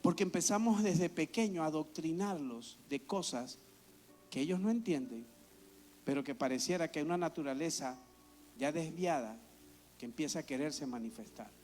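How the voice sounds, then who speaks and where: A man, a pastor, preaching a sermon in an animated, storytelling way. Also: on the high side, moderate pace. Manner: animated storytelling with acted-out quotes.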